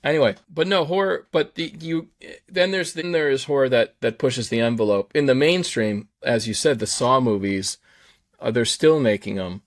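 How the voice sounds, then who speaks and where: A man's voice: mid-range voice, normal speed. A man chatting on a podcast in long, opinionated runs, restarting his sentences and swearing bluntly now and then. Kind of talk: casual podcast chat.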